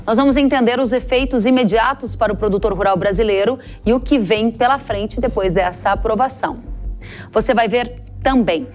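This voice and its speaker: A woman anchoring a farm news program, reading the headlines and reports in a measured, formal way. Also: a little high.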